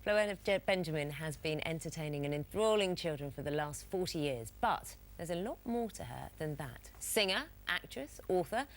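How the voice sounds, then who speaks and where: A woman presenter giving a scripted studio introduction in a lively, upbeat way. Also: low voice, normal speed, hardly any pauses.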